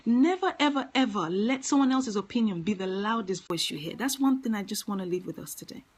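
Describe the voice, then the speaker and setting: A woman's voice: medium pitch, animated, a little fast, slightly rough, low-quality recording. A woman giving an earnest motivational talk, speaking emphatically and repeating her key phrases.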